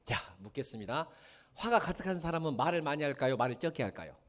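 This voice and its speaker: A middle-aged man preaching a sermon as pastor, asking the congregation questions and swinging from soft asides to loud emphatic lines. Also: on the high side, fast talker. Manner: animated, questions the congregation and answers himself.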